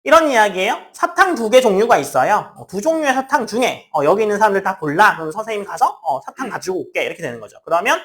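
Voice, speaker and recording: Lively woman teaching math. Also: medium pitch, fast talker, hardly any pauses. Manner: lively, talks to students in casual speech, acts out student lines. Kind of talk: classroom lecture.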